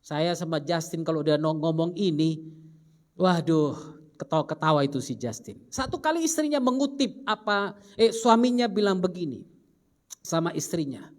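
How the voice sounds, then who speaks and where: Lively man preaching a Bible study. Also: fairly high pitch, moderate pace. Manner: lively, humorous, acts out quotes. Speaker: pastor.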